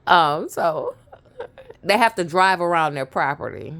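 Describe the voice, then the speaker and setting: Woman, Brooklyn accent, casual storytelling vlog, laughs a lot, lively pitch, unhurried. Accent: Brooklyn, New York. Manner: laughs often, rambling, animated. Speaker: vlogger.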